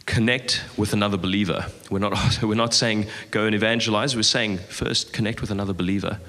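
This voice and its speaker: A man with a somewhat low but bright, forceful voice reads scripture passages and then expands on them, often repeating words as he goes. He is co-leading a church teaching. A long reverb trails behind him, as in a large hall. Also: fairly even intonation, brisk. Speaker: co-preacher.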